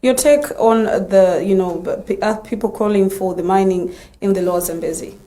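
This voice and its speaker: Mellow-voiced Zambian TV host. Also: female voice, medium pitch, moderate pace. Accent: Zambian English. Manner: brief backchannels, turns to guests by name. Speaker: TV show host. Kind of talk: studio TV interview.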